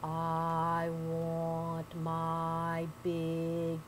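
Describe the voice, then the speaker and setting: An Appalachian woman voicing a menacing haint in a slow, drawn-out spooky chant for a folk tale. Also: low voice, completely flat delivery, a little hiss or hum, voice pushed down. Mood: eerie, menacing. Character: menacing ghost haint demanding its toe.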